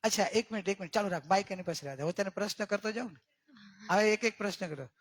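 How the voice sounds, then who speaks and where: Man, spiritual teacher, religious discourse, very high voice, coaxing questions, slow stretched emphasis. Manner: questioning, coaxing listeners with repeated checks; drawls out key words slowly for emphasis.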